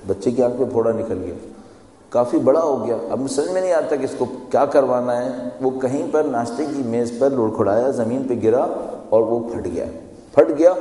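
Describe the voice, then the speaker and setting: A man's voice: medium pitch, dark tone. Male preacher, conversational storytelling, repeats phrases, reverberant hall recording. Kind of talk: sermon with personal anecdotes. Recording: echoey hall with long reverb.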